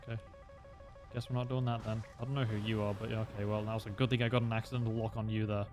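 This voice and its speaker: A man's voice: on the low side, level tone, fast, music in the background. A young man streaming a flight game, chatting casually and explaining tactics with lots of fillers. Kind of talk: casual gameplay commentary.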